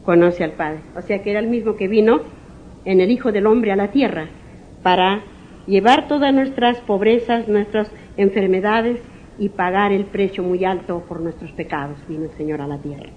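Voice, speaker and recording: A woman's voice: mid-range voice, normal speed, dull audio, a little hiss or hum. A woman pastor preaching a sermon. She asks rhetorical questions, repeats her phrases and sometimes stumbles over names and restarts.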